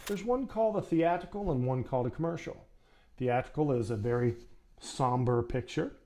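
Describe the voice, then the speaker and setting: A man's voice: medium pitch, normal speed, darkish tone, slight background noise. A man coaching would-be actors in a casual, folksy how-to talk, addressing the viewer directly. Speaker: acting coach.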